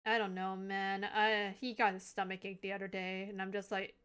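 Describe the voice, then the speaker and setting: A woman's voice: medium pitch, flat delivery, normal speed, a bit bright, smooth. A young adult woman hosting a live stream, chatting casually and teasing, laughing often. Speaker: livestream host.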